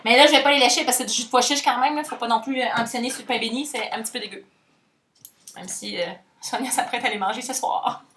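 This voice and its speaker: Her voice on the high side and fast, a Québécois French-accented woman jokes through a home cooking vlog, mixing in English words and singing little chants. The mic is distant, and the kitchen sounds echoey with a loud hand mixer running.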